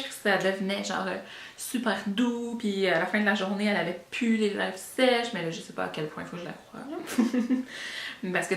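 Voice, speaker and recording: A young beauty vlogger chats casually about her beauty buys in Québécois-accented French, sprinkling in English as she rambles. Her mid-range voice has a fairly bright tone, and the room is echoey.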